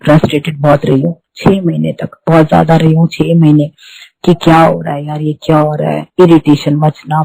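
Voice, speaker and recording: Middle-aged woman, earnest repetitive storytelling, dry close sound, mellow tone. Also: low-pitched, vocal fry, no room sound, low-quality recording. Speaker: devotee giving testimony. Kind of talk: spiritual testimony talk.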